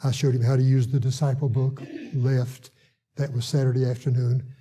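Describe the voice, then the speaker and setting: A man who visits hospitals to evangelize, telling a testimony in an earnest way and slowing down for emphasis. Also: medium pitch, level tone, dark tone, breathy edge. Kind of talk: testimony storytelling.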